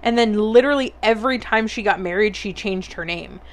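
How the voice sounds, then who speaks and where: Young woman host, loose chat, quick asides and lots of laughs. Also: medium pitch. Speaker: podcast host. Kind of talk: casual chat.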